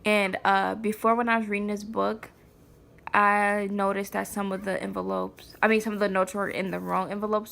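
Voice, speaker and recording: Reading a children's picture book aloud while sitting on an indoor floor, a mother who hosts a vlog chats informally to a small child. Her medium-pitched voice is creaky and a bit bright. There's slight background noise.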